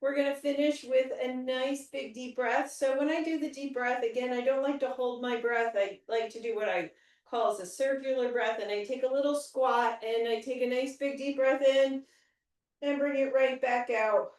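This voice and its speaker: A woman's voice: high-pitched, steady tone, normal speed, darkish tone. A woman instructing a home workout, giving encouraging cues and countdowns as an exercise instructor. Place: indoor room. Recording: very echoey room, distant microphone.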